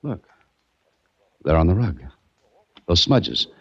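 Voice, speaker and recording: On a dull old radio recording, an actor in 1940s style voices a dry, determined hard-boiled detective narrating his own case. He uses a full character voice that sits low, very animated yet slow, creaky and slightly rough.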